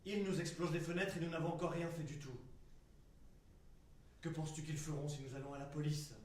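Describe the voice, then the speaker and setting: A man's voice: a little high, little pitch movement, a little fast, lightly acted. An actor playing a frightened, defensive man of the house on stage, tense and fearful. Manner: tense and fearful, bursts into frantic shouting. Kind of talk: stage acting. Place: theater stage. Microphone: far room mic. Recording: distant stage recording in an echoey theater.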